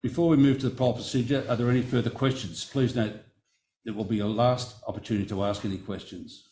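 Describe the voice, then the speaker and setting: In a meeting room, a man presiding over a company meeting carefully and formally reads resolutions and vote tallies, occasionally stopping to fix a number. He speaks with a medium-pitched, steady, warm voice.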